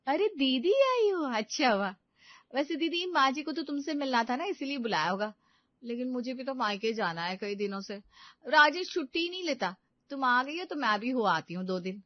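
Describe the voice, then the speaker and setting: A woman performs a sly young daughter-in-law, sweet and coaxing. The voice sits high, and the recording is dull and dry. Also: very animated, moderate pace, no room sound. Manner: sugary, coaxing.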